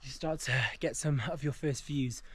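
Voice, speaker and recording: A man's voice: on the high side, fairly even intonation, moderate pace, darkish tone. Chatty man hiking a mountain trail. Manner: chatty, loose with fillers, talks while walking. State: out of breath on climbs. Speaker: hiking vlogger. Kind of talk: casual chat while hiking.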